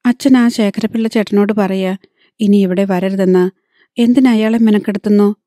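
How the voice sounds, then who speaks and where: Woman voicing a gentle, sad young daughter. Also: medium pitch, fairly even intonation, normal speed, no room sound, studio quality, close to an everyday voice. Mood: gently pleading. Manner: gentle and pleading.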